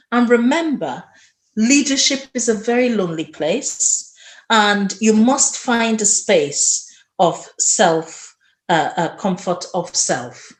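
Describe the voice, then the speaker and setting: A woman's voice: medium pitch, echoey room. A woman hosting an online interview over a video call, speaking effusively and addressing her audience directly. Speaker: host.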